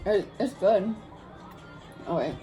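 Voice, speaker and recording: A woman's voice: medium pitch, expressive, slow pace, dark tone, some chatter behind, poor audio. A young woman tasting snacks with friends, chatting casually, teasing and laughing often. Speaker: snack taster. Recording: background music.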